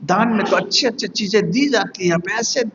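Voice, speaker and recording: A man's voice: sits high, moderate pace, a bit bright, breathy edge, highs cut off. A man, a monk, giving a devotional scripture discourse, telling stories and chanting verses as he explains them. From India. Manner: storytelling with acted quotes and chanted verses.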